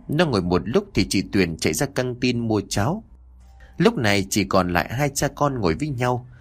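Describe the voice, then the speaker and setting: A man narrating an audio story with expressive, dramatic emphasis. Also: on the low side, slightly rough.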